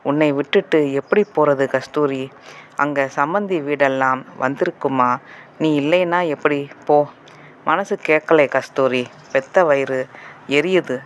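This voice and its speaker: A man's voice: fairly high pitch, takes it slowly, slight background noise. A man voicing a worried middle-aged mother who frets and scolds in an audiobook reading. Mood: fretful.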